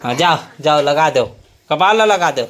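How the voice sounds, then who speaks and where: Young male village vlogger, Chhattisgarhi accent, playful and loud, recorded outside with clear insect noise. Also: a little high, animated, normal speed. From Chhattisgarh, India. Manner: playful, loud, teasing children. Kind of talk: casual village vlog.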